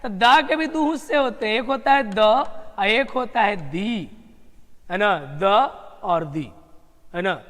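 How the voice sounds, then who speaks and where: A man's voice: sits high, measured pace, fairly bright tone, in a large hall. A male English grammar teacher giving an exam-prep lesson, chatty and repetitive, calling his students brother and friend.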